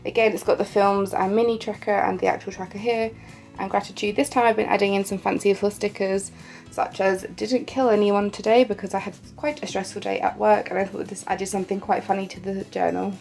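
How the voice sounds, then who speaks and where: A vlogger with a stuffy, nasal voice chats casually as she flips through her pages, teasing herself and laughing lightly at her own expense. Her medium-pitched voice is darkish with vocal fry, delivered flatly and fairly quickly, with faint music in the background.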